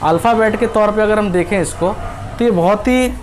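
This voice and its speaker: A man's voice: high-pitched, moderate pace, noisy background. A man teaching how to read English, explaining patiently, spelling words out letter by letter and often checking that the listener follows. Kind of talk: spoken English reading lesson.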